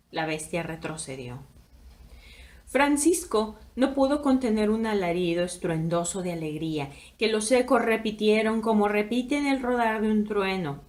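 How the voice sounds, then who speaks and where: Woman reading a dark tale dramatically. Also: medium pitch. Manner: expressive, swinging between hushed and loud. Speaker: storyteller.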